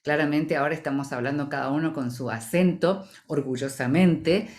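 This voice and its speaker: A woman from Argentina speaks with a Rioplatense accent, her voice set quite low. She is a voice-over professional answering interview questions in an articulate, measured, explanatory way. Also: darkish tone. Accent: Rioplatense Spanish. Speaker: voice-over professional, association president.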